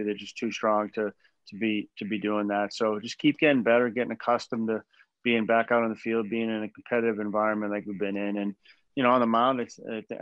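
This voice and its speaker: Man, 40s, coach, postgame press answers, low monotone voice, dull dry video call sound. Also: dry recording. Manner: measured, full of fillers and restarts. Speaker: head baseball coach. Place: small indoor room.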